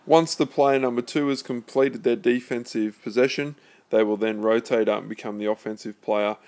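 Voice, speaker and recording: A man speaking as a sports coach, giving a measured, step-by-step instructional explanation of a drill in short phrases. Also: mid-range voice, steady tone, darkish tone. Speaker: basketball coach.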